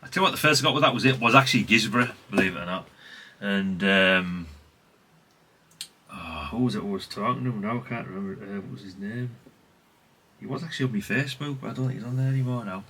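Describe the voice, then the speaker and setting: A middle-aged man vlogs about his hobby, chatting without a script as he shows an item, rambling and returning to the same catchphrases. His voice is on the low side, quick, bright, forceful and slightly rough.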